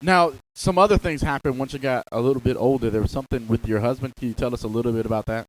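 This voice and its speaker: A man's voice: mid-range voice, fast talker, rough recording. A man hosting a radio interview in a casual, conversational style, responding to his guest and asking questions.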